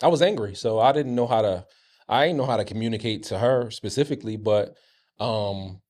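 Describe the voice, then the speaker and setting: A man's voice: lowish voice, a little fast, darkish tone. A man co-hosting a casual podcast, telling candid, profane stories with many stammered restarts. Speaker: co-host.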